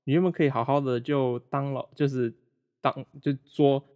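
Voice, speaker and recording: This guest, a young man from Malaysia and a former roommate, chats casually over a remote call in a steady, slightly mellow, medium-pitched voice, talking a little fast. He tends to ramble, restarts frequently and uses self-deprecating humor.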